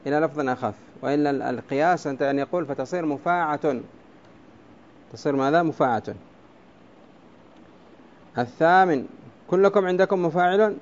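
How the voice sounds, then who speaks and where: A man teaching a class on Arabic prosody, explaining step by step and quizzing his students with questions. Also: a little high. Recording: dull lo-fi classroom recording.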